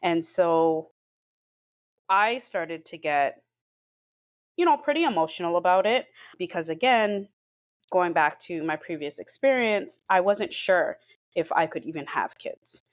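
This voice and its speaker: A woman's voice: lowish voice, expressive, measured pace. Earnest young woman telling a story. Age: young adult. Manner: earnest, emotional, lots of "like" fillers. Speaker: podcast guest. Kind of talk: personal storytelling.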